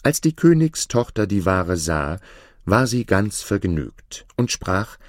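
Man, fairy tale reading, deep voice, slow, expressive. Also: no echo, studio quality. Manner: expressive, deliberate storytelling. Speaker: storyteller.

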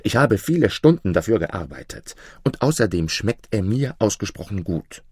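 Guy doing a meek sad cobbler, low slow pleading voice, dry sound. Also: big pitch swings, darkish tone, slightly rough, dry recording. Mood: unhappy. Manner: unhappy, pleading. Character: gentle, long-suffering male cobbler.

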